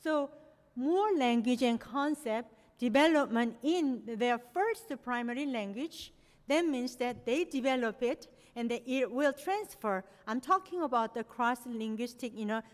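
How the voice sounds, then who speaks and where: A middle-aged Korean lecturer, a native Korean speaker, gives an academic presentation in a lecture hall, with non-native phrasing and lots of "you know" fillers. Her voice is a little high, expressive, and unhurried, and the recording carries long hall reverb.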